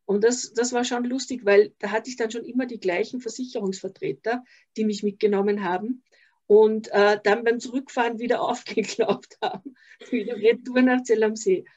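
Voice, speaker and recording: A woman's voice: on the high side, steady tone, moderate pace, darkish tone. An older woman with an Austrian accent, talking as a guest in an interview over a video call, reflective and hesitant with many restarts. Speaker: interview guest, social worker. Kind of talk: conversational interview. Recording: slightly dull video call audio.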